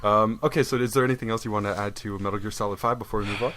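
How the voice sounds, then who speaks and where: A man's voice: lowish voice, fairly even intonation, rapid-fire, fairly bright tone, slight background noise. A young man hosting a casual video game podcast, rambling and joking, restarting his sentences often. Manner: rambling and jokey, with frequent restarts and fillers. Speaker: podcast host. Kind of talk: casual chat about video games.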